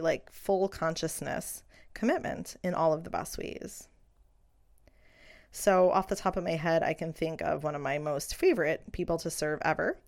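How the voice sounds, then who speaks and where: Speaking alone on a reflective podcast, this middle-aged woman, a midwife, talks through what she believes. Her low-sitting, creaky voice stays earnest and unhurried, softened by gentle fillers.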